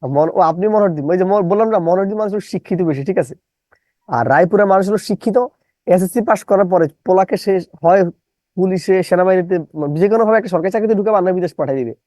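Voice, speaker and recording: A man's voice: high-pitched, rapid-fire, darkish tone, no echo, rough recording. A middle-aged man from Bangladesh teaching a live online English lesson. He repeats his own questions and breaks words into syllables.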